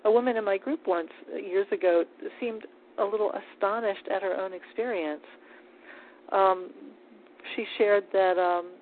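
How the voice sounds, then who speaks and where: Woman teaching prayer over a tinny line. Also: medium pitch. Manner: calm, measured, with small restarts. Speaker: spiritual teacher. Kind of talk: spiritual talk on prayer. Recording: tinny phone-like line with faint hiss.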